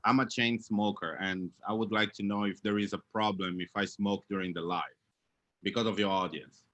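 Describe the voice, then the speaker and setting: A man's voice: lowish voice, steady tone, normal speed, sharp tone, dry recording. A man from Angola, a guest on an online meeting, speaking hesitantly and restarting his phrases. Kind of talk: casual video-call chat. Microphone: video call.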